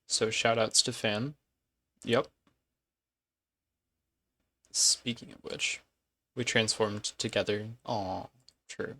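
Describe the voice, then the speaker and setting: A man chatting casually on a game stream, slow and unhurried, with a gravelly, fry-laced voice that still sounds bright and forceful. His pitch sits on the low side, and he drifts off track and corrects himself mid-sentence. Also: fairly even intonation, dry recording. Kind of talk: casual live-stream chat.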